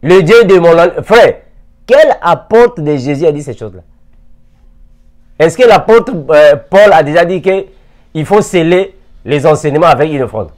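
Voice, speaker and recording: A preacher in his forties teaches on video while seated in an armchair in an indoor room, firing rhetorical questions at his listeners through a lapel mic. His fairly high voice is a little mellow, with lively intonation and a moderate pace.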